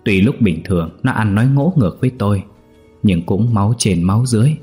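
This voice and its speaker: A man voicing a gruff but caring older brother who gives brusque orders. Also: fairly low pitch, a little fast, darkish tone, faint music behind, natural voice. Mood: gruff kind. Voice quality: brusque, bossy.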